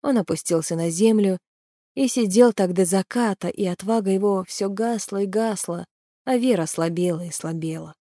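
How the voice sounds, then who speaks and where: A woman's voice: mid-range voice, moderate pace, warm tone, no echo. Woman reading an audiobook, dry sound. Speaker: audiobook narrator. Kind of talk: scripted narration.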